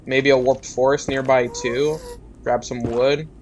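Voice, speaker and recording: A man's voice: mid-range voice, flat delivery, a little slow, a little hiss or hum, poor audio. A young man giving casual, rambling gameplay commentary, muttering to himself and joking at his own expense. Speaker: gaming YouTuber.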